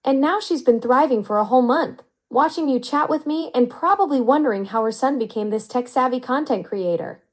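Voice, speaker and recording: A synthetic woman's voice of an AI chat assistant, upbeat and flattering with smooth, even delivery. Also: high-pitched, a little fast, hardly any pauses. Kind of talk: conversational AI reply.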